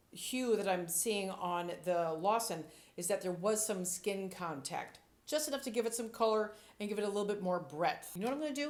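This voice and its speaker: A woman sommelier giving casual tasting commentary, thinking aloud with playful, descriptive asides. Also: medium pitch. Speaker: sommelier reviewing wines.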